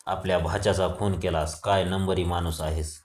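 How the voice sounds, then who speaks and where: A man reading the lines of a stern male police inspector who talks loudly and harshly and mocks the man he arrests. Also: low voice, steady tone, moderate pace, reverberant, lightly acted. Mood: mocking. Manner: loud, harsh, mocking.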